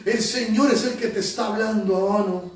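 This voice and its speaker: A man's voice: high-pitched, steady tone, normal speed. A man, pastor and prophet, preaching and praying fervently, repeating Señor and Padre between phrases. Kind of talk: sermon and spoken prayer. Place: church sanctuary. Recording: echoey church hall from a distance. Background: soft music.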